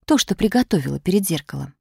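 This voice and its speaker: A woman reading a humorous story aloud, playful and expressive. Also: on the low side, fast, gravelly, husky, dry recording, studio quality.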